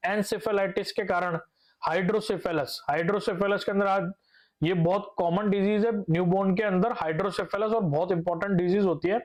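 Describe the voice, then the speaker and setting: A man's voice: high voice, fairly even intonation, fairly quick. A young man teaching a nursing class, asking his own questions and answering them, repeating key terms and mixing in English medical words. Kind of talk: classroom lecture.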